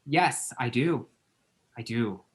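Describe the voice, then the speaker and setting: Cast as a sassy, theatrical young man who is flustered, lovestruck and bitchy, this man performs at a screenplay table read. His medium-pitched voice is expressive and unhurried, carrying a nervous, flustered mood.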